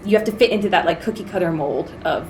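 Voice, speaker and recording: A woman's voice: fairly low pitch, fast talker, slight background noise, poor audio. Young woman chatting with lots of "like". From Singapore, then US and Hong Kong. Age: young adult. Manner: animated, many "like" fillers. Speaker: podcast guest. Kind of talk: casual chat.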